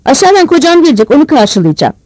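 A reader voicing a fierce, sharp-tongued old village grandmother who barks orders and scolds. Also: high voice, big pitch swings, fast, dry recording, pitched above the performer's own voice, rough recording. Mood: scolding.

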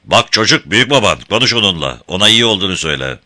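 A man voicing a cruel male villain who shouts threats while holding a child hostage, in an audiobook reading. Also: fairly low pitch, very animated, fast, exaggerated voice. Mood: menacing. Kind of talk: audiobook character voice.

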